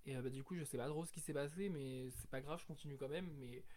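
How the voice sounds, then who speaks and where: A man's voice: medium pitch, fast, darkish tone. Rambling man reviewing a book. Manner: rambling, full of fillers and self-corrections; self-deprecating, chuckles at himself. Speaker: book podcast host.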